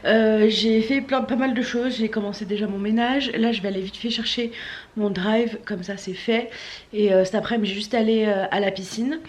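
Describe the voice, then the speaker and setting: A woman's voice: mid-range voice, fairly even intonation, normal speed. A woman vlogger talking casually and informally to her viewers. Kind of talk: casual vlog chat to camera.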